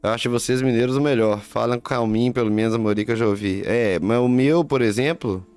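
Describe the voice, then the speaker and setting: Clear and resonant, with a darkish tone, this mid-range male voice runs a little fast. The speaker, a Minas Gerais native with the local Brazilian Portuguese accent, gives casual, slangy commentary while streaming a game, faint game music behind him.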